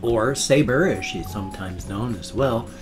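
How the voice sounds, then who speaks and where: Medium in pitch and normal in pace, the man speaks with faint music behind him. He's a vlogger chatting to a webcam in a room at home about his pet hamsters, casual and rambling, repeating himself, words slightly blurred by loose dentures.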